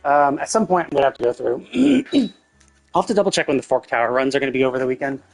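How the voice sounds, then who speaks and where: A video game livestreamer gives casual commentary, explaining things in a rambling way and often rephrasing himself. His voice is medium-pitched, animated and fast.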